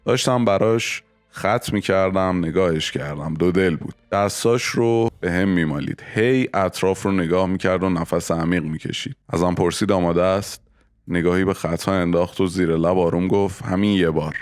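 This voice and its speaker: A man narrating a first-person confession story in a steady, low-key scripted reading. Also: no echo, clean studio sound.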